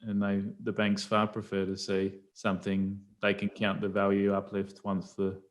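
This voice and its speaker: A man's voice: lowish voice, completely flat delivery, normal speed. A man hosting a casual interview, prompting with questions and brief agreements. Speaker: podcast host.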